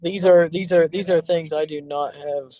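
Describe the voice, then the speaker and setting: A man's voice: a little high, fairly even intonation, moderate pace, warm tone, dry recording, poor audio. A man co-hosting a political podcast, answering hesitantly and hedging. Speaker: podcast co-host. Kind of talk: casual political chat.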